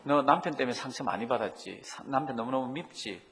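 A pastor voicing a gentle fatherly God. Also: medium pitch, lively intonation, fast, creaky. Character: gentle fatherly God speaking to a weary woman. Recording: church hall reverb.

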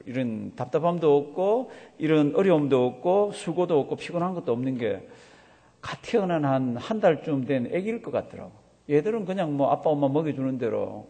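Husky-voiced pastor preaching in a church. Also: male voice, a little high. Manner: animated, acts out voices of crying babies and complainers. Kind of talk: sermon. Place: church sanctuary. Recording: long hall reverb.

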